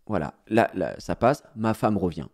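A man telling a story casually to his viewers, in an animated, slangy way, often laughing at himself. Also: fairly low pitch, normal speed. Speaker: streamer.

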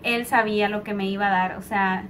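A woman's voice: mid-range voice, steady tone, brisk, fairly bright tone, slight background noise. A young woman with a Mexican accent tells a rambling, chatty story-time vlog, full of fillers, recorded on a slightly distant mic. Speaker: vlogger. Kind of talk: casual story-time monologue.

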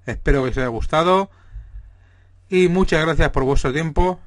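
A man with a Spanish accent, reading a list of tips aloud in a measured, steady way as the presenter for a real estate firm. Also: a little high, no room sound, studio quality. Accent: Spain. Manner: measured, steady delivery of numbered points.

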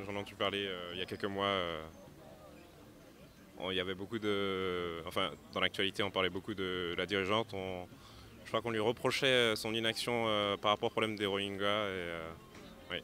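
Young passerby, deep yet bright voice, halting answers. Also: male voice, little pitch movement. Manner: hesitant, full of fillers. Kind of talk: street interview. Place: outdoors on a city square. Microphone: handheld mic held by interviewer.

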